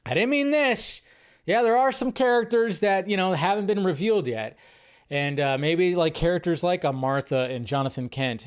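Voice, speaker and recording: A man with a slightly high voice hosts a casual live movie news show. He rambles through his commentary animatedly, tossing in exasperated asides.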